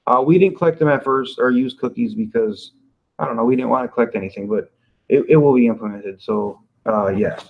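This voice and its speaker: A man's voice: medium pitch, brisk, vocal fry. Brief: easygoing founder type, man, talks loosely with lots of fillers, dull lo-fi stream sound. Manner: laid-back, laughing often, loose filler-heavy talk. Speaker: company founder answering community questions. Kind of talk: casual livestream Q&A. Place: home office.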